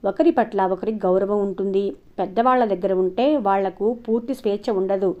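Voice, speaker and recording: A woman's voice: medium pitch, normal speed, lo-fi sound, close to an everyday voice. A woman voicing a thoughtful, polite teenage son who reasons earnestly with his parents.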